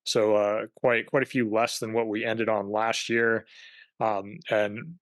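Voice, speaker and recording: A man presenting on a video-call webinar as a government affairs director, speaking haltingly with many fillers and restarts. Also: fairly low pitch, flat delivery, fairly bright tone, dry recording.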